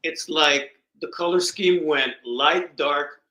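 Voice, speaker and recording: A man with a fairly high voice speaks slowly as he co-hosts a podcast, telling a family story in casual conversation. He's an animated storyteller who acts out the voices of the people he quotes. The room is echoey.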